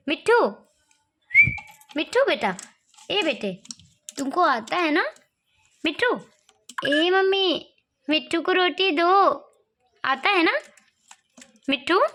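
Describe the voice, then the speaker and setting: A woman's voice: sits high, a bit bright. A woman talking to her pet parrot at home, coaxing it and calling its name again and again in a sing-song way. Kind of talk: casual talk to a pet.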